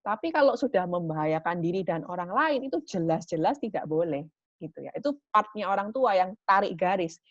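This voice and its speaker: A woman's voice: fairly low pitch, animated, a little fast, no echo. A woman giving a parenting talk. She explains patiently and often closes her points with a short tag question. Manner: warm teaching tone with frequent "gitu ya" tags. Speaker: parenting speaker. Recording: dry, dull lo-fi recording.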